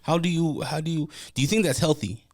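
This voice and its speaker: A man's voice: on the high side, brisk. A man interviewing someone in a casual, frank and slangy way, giving advice as he talks.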